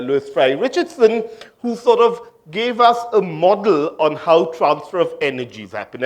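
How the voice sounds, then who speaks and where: Man, conference physics lecture, hesitant, lots of fillers, slightly high voice. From India. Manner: hesitant, frequent fillers and restarts, sort of. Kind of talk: academic conference talk.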